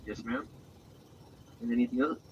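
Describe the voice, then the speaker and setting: A man's voice: medium pitch, steady tone, slight background noise. Polite man over a drive-thru speaker. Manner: polite, brisk, repeats "yes ma'am". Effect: heard through a drive-thru intercom speaker. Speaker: drive-thru order taker. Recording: muffled distant speaker heard from inside a car.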